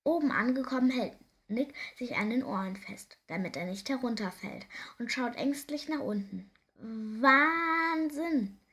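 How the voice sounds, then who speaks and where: A woman reading a children's story aloud, gentle and expressive, sometimes dropping to a soft whisper. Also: on the high side, moderate pace.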